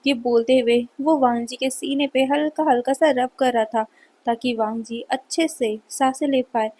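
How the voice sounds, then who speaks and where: A woman narrating fan fiction in a plain, casual storytelling manner. Her voice sits fairly high and has a mellow, slightly husky tone. She tells the story steadily, as a read-aloud. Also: fairly even intonation, moderate pace, poor audio. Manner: plain storytelling, casual mixed English words.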